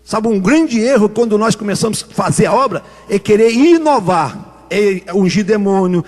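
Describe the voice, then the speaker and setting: A pastor preaching a sermon in an emphatic, repetitive, storytelling way, recorded in a church. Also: male voice, sits high, expressive, moderate pace, darkish tone. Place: church sanctuary. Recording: long hall reverb in church.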